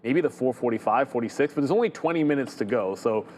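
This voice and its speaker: A man's voice: medium pitch, expressive, fast talker, darkish tone. A man co-hosting a live trading show, giving casual, off-the-cuff market commentary as he thinks aloud in a conversational way. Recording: faint noise on live stream.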